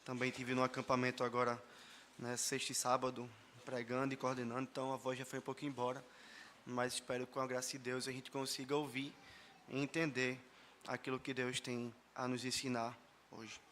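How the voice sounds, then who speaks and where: A man with a Brazilian Portuguese accent, a pastor preaching a sermon, hoarse after a flu, speaking earnestly and directly to his congregation. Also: mid-range voice, level tone, a little fast, fairly bright tone, slight background noise. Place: church service.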